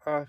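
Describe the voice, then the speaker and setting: A Scottish man delivering a blunt, profane monologue, exasperated, sighing and correcting himself as he goes. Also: no room sound. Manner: swears a lot, blunt and exasperated, with sighs and self-corrections. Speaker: vlogger.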